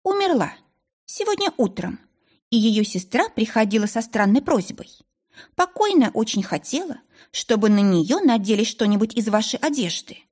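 A woman's voice: fairly high pitch, big pitch swings, normal speed, darkish tone. A woman reading an audiobook, voicing a stern, blunt older housemaid who grumbles. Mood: grumbling.

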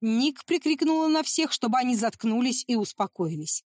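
A woman's voice: fairly high pitch, expressive, moderate pace, darkish tone, no room sound, studio quality. Woman narrating a tense audiobook.

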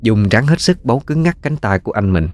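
A man with a Southern Vietnamese accent narrating a ghost story in a steady, folksy way. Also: medium pitch, a little fast.

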